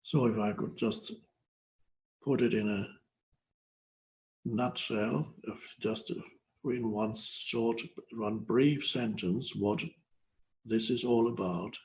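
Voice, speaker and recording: An older man giving a guided meditation talk as a spiritual teacher, slow and hesitant, with long pauses between phrases. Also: lowish voice, a little mellow, poor audio.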